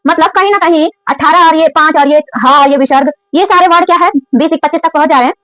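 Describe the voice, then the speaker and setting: A woman teaching a Sanskrit grammar lesson who asks questions and answers them herself, and slowly chants each rule. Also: high voice, fairly bright tone, no room sound, poor audio. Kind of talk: classroom-style grammar lesson.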